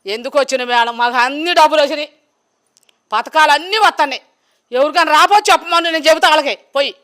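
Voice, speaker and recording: A woman's voice: high voice, quick pace, a bit bright. A woman from Andhra Pradesh answering a street interviewer, talking in a defiant, sarcastic and argumentative way. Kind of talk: street vox-pop interview.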